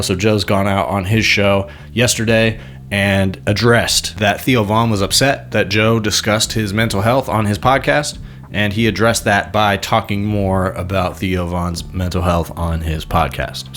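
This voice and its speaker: Man, podcast host, casual commentary, conversational and loose, lowish voice. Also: steady tone, unhurried, a bit bright. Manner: conversational, loose with fillers like "kind of".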